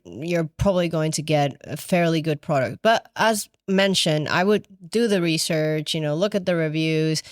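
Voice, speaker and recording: A woman's voice: fairly low pitch, dry recording, clean studio sound. A woman co-hosting a podcast in casual travel chat, chatty and laughing often, trailing off mid-sentence. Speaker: podcast co-host.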